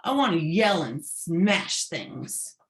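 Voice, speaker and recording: A woman's voice: fairly low pitch, sing-song, slow pace, heavily acted. A woman voicing an angry young twin otter in a read-aloud children's book. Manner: hot-tempered, emphatic.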